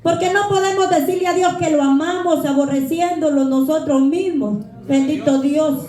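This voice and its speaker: A woman's voice: high voice, moderate pace, warm tone. A middle-aged woman preaching a humble, earnest, conversational sermon in a church. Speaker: lay preacher. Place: church sanctuary. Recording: echoey church room.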